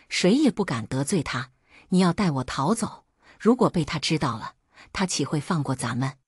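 A woman doing a meek abused young wife, mournful and resigned, husky voice, dry close sound. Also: on the low side, darkish tone, no room sound.

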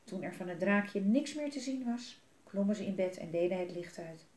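Gentle woman reading a storybook aloud. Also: medium pitch, normal speed. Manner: gentle, expressive, with asides to young listeners. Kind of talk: reading a children's book aloud. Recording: roomy echo.

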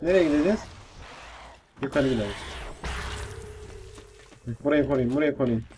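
A young man giving casual let's-play commentary, excitable and swearing, with frustrated outbursts. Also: medium pitch, normal speed, background noise. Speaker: gaming YouTuber.

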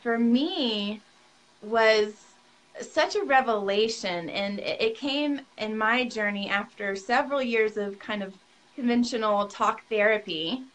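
A woman's voice: fairly high pitch, measured pace, a bit bright, rough recording. A woman hosting an interview over a video call, talking enthusiastically and laughing often. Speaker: workshop host, interviewer. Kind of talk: casual interview talk.

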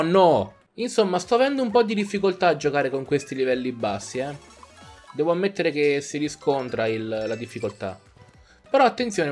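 Young male let's-play host, lively and jokey, slightly high voice, faint game music behind. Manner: jokey, reads game dialogue aloud in varied voices. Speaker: gaming YouTuber. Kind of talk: casual let's-play commentary.

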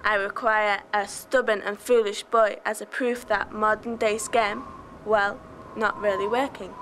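Woman acting a slow, menacing wicked witch. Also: medium pitch, fairly even intonation, a bit bright, a little hiss or hum, lightly acted, rough recording. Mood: scheming menace. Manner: slow theatrical villain menace. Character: scheming wicked witch plotting with ancient spirits. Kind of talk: cartoon villain acting.

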